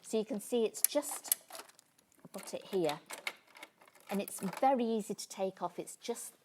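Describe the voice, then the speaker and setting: A woman's voice: mid-range voice, lively intonation, unhurried, noisy background. A woman giving a casual live craft demonstration, talking informally through what she is doing. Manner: chatty, informal, self-narrating. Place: TV studio.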